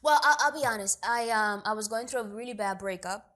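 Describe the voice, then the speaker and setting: A young adult woman from the Dominican Republic, raised in New York, chatting as a guest actor and producer in a casual interview, lively and quick to joke and laugh. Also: a little high. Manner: lively, joking, laughs often.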